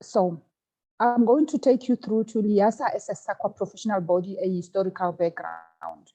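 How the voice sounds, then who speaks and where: A woman giving a formal presentation over a video call, her voice slightly hoarse, polite and measured. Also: mid-range voice, warm tone. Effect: speaking over a video call. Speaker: guest speaker.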